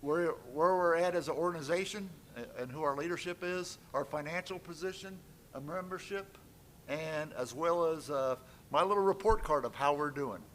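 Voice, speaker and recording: Male presenter opening a meeting, slightly higher voice, loose and easygoing delivery on a stage mic. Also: normal speed, fairly bright tone, slight background noise. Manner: friendly, lightly joking, off-the-cuff. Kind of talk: public address at a conference. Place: conference meeting room.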